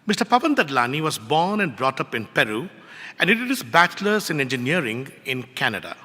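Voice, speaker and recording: A man's voice: fairly high pitch, sing-song, a little fast, bright, forceful tone. A man announcing the next speaker, reading a formal prepared introduction. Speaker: event announcer. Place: large hall. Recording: long hall reverb.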